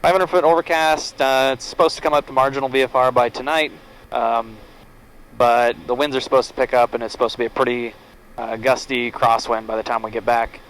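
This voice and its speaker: A man's voice: mid-range voice, level tone, a little fast, a bit bright, rough recording. A man narrating his cockpit work casually as a pilot, speaking over a pilot headset. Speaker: pilot and vlog host. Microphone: aviation headset. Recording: faint cockpit noise on headset audio. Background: aircraft cabin noise.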